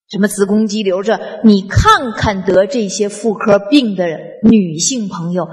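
A woman speaks to an audience at a mid pitch. She tells stories in a chatty, animated way, acts out the dialogue, and often stumbles and restarts. Her talk is loose and colloquial, like a testimonial. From northeast China. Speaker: public speaker on traditional culture.

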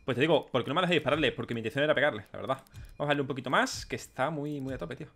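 A man from Spain with a Spanish accent, commenting excitedly on a game he plays, swearing often and yelping at the action. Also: mid-range voice, very fast. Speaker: gaming streamer. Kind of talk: let's play commentary. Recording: game music behind.

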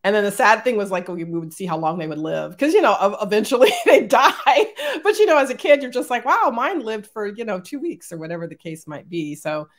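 A middle-aged woman, an executive, telling childhood stories as an interview guest over a video call, animated and laughing often. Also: medium pitch, fairly quick. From born in Germany, raised in Northern California. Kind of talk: casual storytelling.

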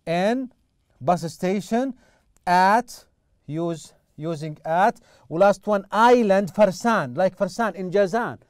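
Guy teaching english, slow and repetitive, dry close mic. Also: high voice, clear, resonant tone, no echo. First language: Arabic. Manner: slow, repeats words and drills pronunciation. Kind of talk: recorded classroom lesson.

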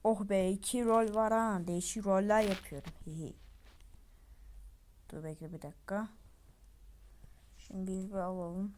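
A woman's voice: mid-range voice, darkish tone. A woman hosting a gaming channel, chatting to viewers and voicing characters in the game. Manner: chatty, addresses viewers often. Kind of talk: game commentary with voiced characters.

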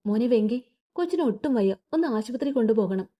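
A woman's voice: fairly high pitch, animated, a little fast, mellow. A woman voicing a kind, anxious older woman who fusses tenderly over a sick girl in a storybook reading. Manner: fussing, tender.

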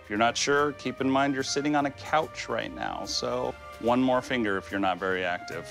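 A man in a doctor's coat doing a blunt, deadpan comic health ad straight to the viewer. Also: medium pitch, normal speed, vocal fry, music in the background. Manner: blunt, deadpan direct address. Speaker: actor in a health ad playing a doctor. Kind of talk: comic scripted ad.

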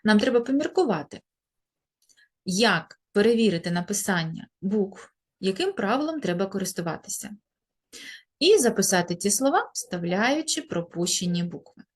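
Primary teacher, female, husky tone, patient lesson delivery with stretched-out example words. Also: mid-range voice, expressive, normal speed. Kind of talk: grammar lesson for children.

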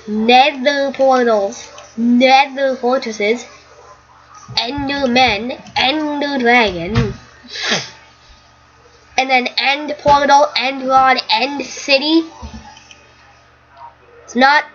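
A woman's voice: high-pitched, steady tone, drawn-out words, long pauses, fairly bright tone, muffled recording, soft background music. A young woman talking casually over her own gameplay as a YouTuber, rambling and easily startled. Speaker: gaming YouTuber.

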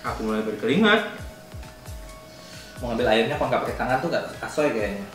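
A man's voice: medium pitch, expressive, fairly quick, recorded from a distance. Young male, casual mukbang chatter with mouth full, roomy off-mic sound, faint music. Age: young adult. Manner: talking with mouth full while eating. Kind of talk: casual food challenge chat while eating. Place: indoor room at home, at a table.

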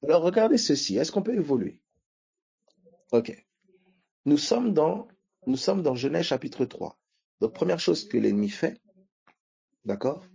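A man preaching a sermon, teaching slowly and checking his listeners with frequent questions. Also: on the high side, big pitch swings, gravelly, warm tone, husky. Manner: teaching, repeating key phrases, checking listeners with "d'accord?". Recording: dull lo-fi sound.

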